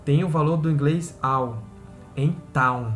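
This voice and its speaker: Brief: male podcast host, slightly high voice, careful reading mixed with casual asides, faint music underneath. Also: a bit bright. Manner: reads passages slowly, then adds casual asides. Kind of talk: reading aloud and explaining pronunciation rules.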